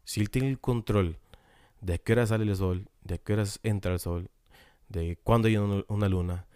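A man preaching a sermon in a Costa Rican accent, earnest and repetitive, often dropping to a hushed tone. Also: on the low side, moderate pace, clear, resonant tone, dry recording, clean studio sound. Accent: Costa Rican Spanish. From Costa Rica.

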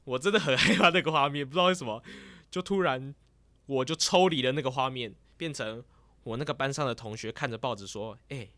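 A man at a middling pitch tells a dream in a casual, rambling way. He is lively and easily excited as he recounts the strange scenes. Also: a little fast, no echo. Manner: rambling and lively, grows excited as the story goes on. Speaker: vlogger.

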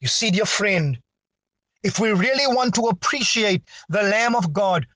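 A man preaching a sermon with a dramatic, drawn-out delivery and big swings in pitch. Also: lively intonation, a bit bright, dry recording.

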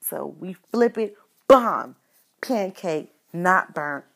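A woman's voice: lowish voice, lively intonation, slow, vocal fry. A woman casually telling a personal story, candid and profane, with lots of fillers. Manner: acts out quoted lines in shifted voices.

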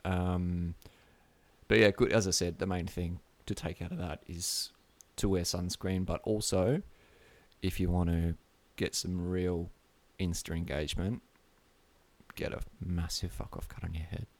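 Podcast host: male, broad Aussie accent, deep voice, blokey and slangy, casual chat, close dry sound. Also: steady tone, a little slow, dry recording. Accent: broad Australian.

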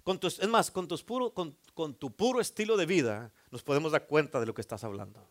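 Male pastor, fiery preaching with a high voice. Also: animated, a little fast. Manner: fervent preaching with rising intensity, joking asides. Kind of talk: sermon.

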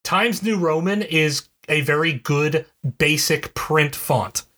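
A man's voice: a little high, slow pace, bright, forceful tone. A man co-hosting a podcast in casual chat, explaining things in a digressive way with many restarts. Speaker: podcast co-host.

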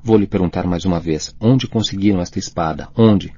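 A man's voice: deep voice, a little fast, dark tone, breathy edge, highs cut off. A man voicing a cruel, sneering witch in an audiobook, speaking harshly and with menace. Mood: menacing. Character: cruel sneering witch, middle-aged woman.

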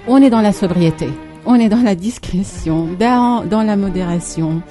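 Lebanese woman co-hosting a chat show, mellow warm voice, lots of euhs, faint music underneath. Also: mid-range voice, moderate pace. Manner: chatty, laughs often, many fillers. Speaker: co-host. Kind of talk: casual studio chat.

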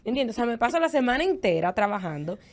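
A young adult woman with a Dominican Spanish accent, co-hosting a casual chat and telling candid, expressive stories. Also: on the high side, fast talker. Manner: candid, expressive storytelling with lots of fillers. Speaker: podcast co-host.

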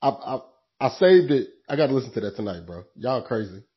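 A man's voice: mid-range voice, big pitch swings, fairly quick. Laid-back young man, lo-fi sound. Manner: laid-back, laughs often, says bro. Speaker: podcast guest. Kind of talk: casual chat.

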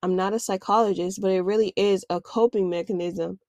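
A woman's voice: mid-range voice, fairly even intonation, brisk, darkish tone, no room sound. A woman hosting a self-help podcast, talking candidly and casually with slang. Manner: candid, conversational, uses slang. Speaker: podcast host.

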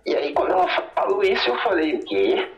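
A man's voice: high voice, wildly swooping pitch, a little fast, gravelly. A man rambles through a story over the phone, heavy with fillers. His voice comes down a muffled, lo-fi line with a hollow, echoey ring, and faint music sits behind him. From Minas Gerais, Brazil. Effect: heard over the phone. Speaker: caller. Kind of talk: casual storytelling.

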